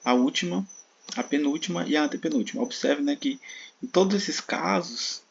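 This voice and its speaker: A man's voice: fairly high pitch, normal speed, gravelly, slight background noise. A man with a Brazilian Portuguese accent teaching an exam-prep lesson, patiently explaining and often checking in with his listeners. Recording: dull sound with faint crickets.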